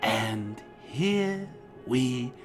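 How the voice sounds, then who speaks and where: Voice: mid-range voice, lively intonation, extremely slow, a bit bright, husky, faint music behind, heavily acted. A reviewer voicing the Joker as a theatrical, cackling male clown villain while reviewing a toy. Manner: theatrical, sing-song, giggling between lines.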